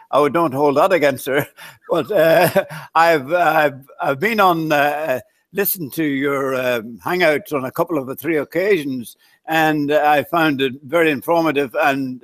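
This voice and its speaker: Man, Northern English accent, chatty, fairly high pitch, dry close sound. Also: no room sound. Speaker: guest. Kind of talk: casual chat.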